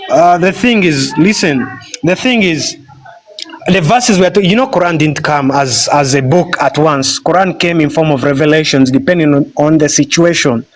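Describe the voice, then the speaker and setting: A man raised in Sudan, arguing in a religious debate and pausing to search for words. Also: on the high side.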